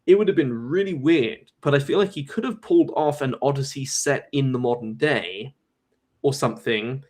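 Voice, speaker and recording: A man's voice: medium pitch, normal speed, darkish tone. A young man hosting a casual live-stream discussion, talking in a rambling way with many fillers and restarts. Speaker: host.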